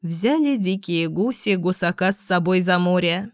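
A woman narrating a storybook tale in an unhurried, even reading. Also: on the low side, no echo, clean studio sound.

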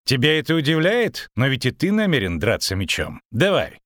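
A man reading an audiobook, voicing a proud, tormented male sorcerer who speaks bitterly and breaks into shouts. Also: mid-range voice, wildly swooping pitch, moderate pace, no echo, clean studio sound, pitched above the performer's own voice. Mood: taunting. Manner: bitter, agitated, rising to shouts.

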